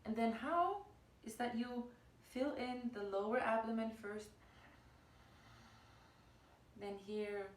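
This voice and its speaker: A woman's voice: fairly high pitch, fairly even intonation, measured pace. Echoey, distant woman. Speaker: yoga teacher. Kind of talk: instructional explanation of a breathing practice. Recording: echoey room, distant mic, faint noise.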